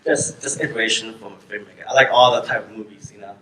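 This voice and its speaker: A film director from Thailand, raised in Florida, talking casually at a festival Q&A and laughing often. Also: male voice, lowish voice, quick pace, sharp tone. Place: screening venue with audience. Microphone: far from the mic. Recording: echoey room, heard from a distance.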